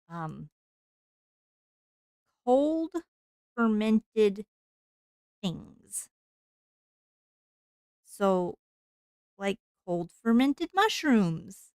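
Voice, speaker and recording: A woman's voice: a little high, a little mellow, clear, resonant tone, no echo, clean studio sound. A woman streamer chatting casually while she draws, rambling along with lots of fillers and frequent laughter.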